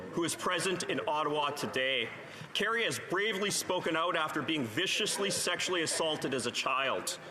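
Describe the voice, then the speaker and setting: A forceful, fairly high-voiced man gives a prepared speech in parliament. His oratory is pointed and accusatory, and the chamber echoes around him. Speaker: opposition member of parliament. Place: large legislative chamber.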